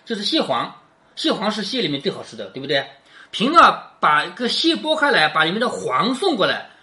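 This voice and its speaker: A woman's voice: lowish voice, big pitch swings, brisk, bright, forceful tone. A woman teaching a class, reading a classic novel aloud and explaining it line by line while checking in with questions.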